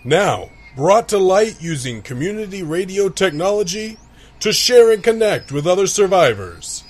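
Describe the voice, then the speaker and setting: An actor playing a weary, exasperated radio host in a post-apocalyptic comedy audio drama, announcing with theatrical flair. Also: male voice, high voice, big pitch swings, moderate pace, darkish tone. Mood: grand, announcing.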